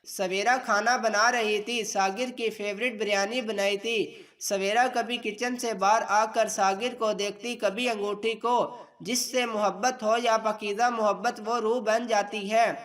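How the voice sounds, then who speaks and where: A woman narrating an emotional story in a steady, measured way. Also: medium pitch. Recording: distant mic.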